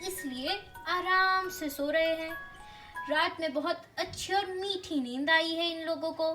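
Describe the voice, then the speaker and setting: A woman narrating a doll-play story for children in a gentle, explaining way. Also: extremely high pitch, a little slow, soft background music.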